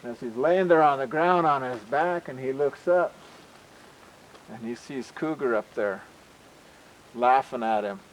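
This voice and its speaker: A man telling a traditional folk story in a relaxed, conversational way, often adding "you know" asides. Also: medium pitch, measured pace, long pauses, slight background noise, poor audio.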